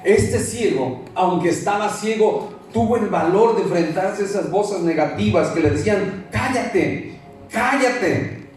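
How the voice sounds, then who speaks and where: A man's voice: high voice, moderate pace, a little mellow. A male pastor preaching fervently to his congregation, asking them questions as he goes. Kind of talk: sermon. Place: church. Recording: echoey church from far off, faint music.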